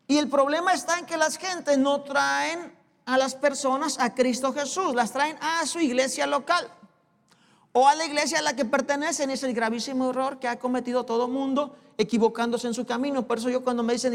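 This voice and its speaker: High-voiced preacher in echoing hall. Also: male voice, steady tone, gravelly, fairly bright tone. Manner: preaching with slow rhetorical questions. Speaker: pastor. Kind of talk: sermon. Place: church sanctuary. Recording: long hall reverb, live church recording.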